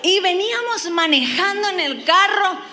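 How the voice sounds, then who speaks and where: A woman's voice: very high voice, lively intonation, moderate pace, sharp tone, soft background music. A woman from Mexico, preaching a sermon and telling a funny personal story, acting out her own lines with animation.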